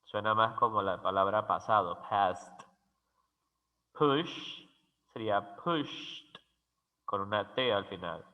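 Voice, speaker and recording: A man teaching English grammar as a slow, careful lesson, spelling out letters and repeating each example word. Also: fairly low pitch. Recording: dull, lo-fi sound with long reverb.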